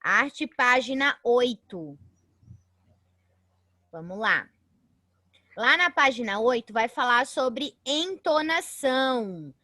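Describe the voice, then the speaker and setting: Brazilian woman teacher on a video call, chatty, fairly high voice, close and dry. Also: lively intonation, takes it slowly, long pauses, sharp tone, no echo. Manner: chatty, tags sentences with "né?", calls herself "a professora". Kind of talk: online class lesson.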